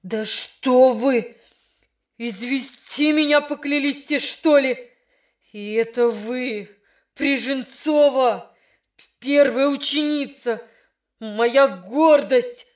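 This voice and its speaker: A woman voicing an exasperated, angry male schoolteacher who shouts and scolds. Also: mid-range voice, expressive, unhurried, natural voice. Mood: furious. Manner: shouting, then bitter and stern.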